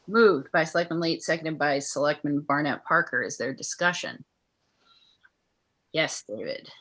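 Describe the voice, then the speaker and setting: Bright-voiced woman chairing a meeting. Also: low voice, normal speed. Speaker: board chair. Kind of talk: formal meeting procedure.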